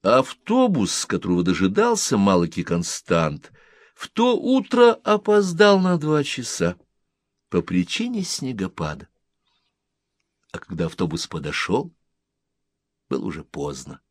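A man narrates a novel in a low voice with an unhurried, measured delivery. His pitch moves expressively despite the slow pace. The recording is dry and close. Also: wildly swooping pitch, dry recording. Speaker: audiobook narrator. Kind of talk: scripted narration.

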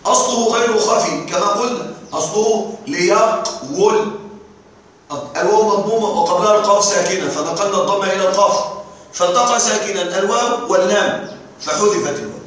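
A man's voice: sits high, quick pace, a bit bright. A man teaching a classroom lesson on grammar verse, explaining step by step and often checking that the class is following. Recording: echoey room, distant mic, faint noise.

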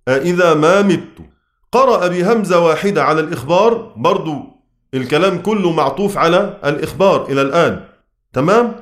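A man with an Egyptian accent teaching the Quran readings. He chants lines of verse slowly, then explains them quickly in colloquial speech and quizzes his students. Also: a little high. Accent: Egyptian Arabic.

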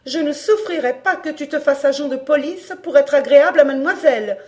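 A woman doing a haughty, sharp-tongued mother. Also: high-pitched, normal speed, close to an everyday voice. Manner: sharp, peremptory. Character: haughty, overbearing middle-aged mother.

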